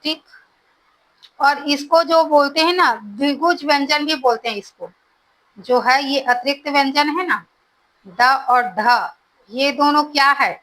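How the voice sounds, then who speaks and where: A woman's high, bright voice carries a forceful tone as she slowly teaches an exam-prep Hindi grammar lesson. She repeats each definition and checks comprehension with "ठीक है", and the audio is poor.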